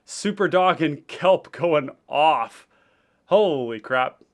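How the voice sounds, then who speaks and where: A man's voice: on the high side, lively intonation, slow pace. A man hosting a live stream, chatting casually with viewers, reading their comments and talking while he eats. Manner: chatty, eating while talking, reads out chat. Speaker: streamer host.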